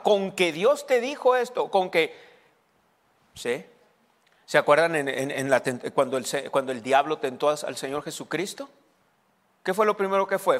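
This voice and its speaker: A man's voice: a little high, fairly bright tone, in a large hall. A male pastor preaching a sermon to his congregation, asking them questions and repeating key phrases for emphasis. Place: church hall.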